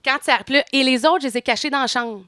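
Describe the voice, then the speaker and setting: Bright, lively woman with a Quebec accent. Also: high-pitched, racing, dry recording, studio quality. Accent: Quebec French. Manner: animated storyteller, laughs often. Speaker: podcast co-host telling a story. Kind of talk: casual chat.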